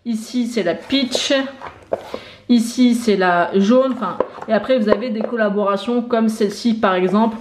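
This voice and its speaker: A woman with a fairly high voice talks through her makeup collection in a relaxed, rambling way, naming one item after another with plenty of fillers. The room is echoey, and a faint noise runs underneath her voice. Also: normal speed. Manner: chatty, many fillers, lists items one by one. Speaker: beauty vlogger. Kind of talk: casual makeup collection tour.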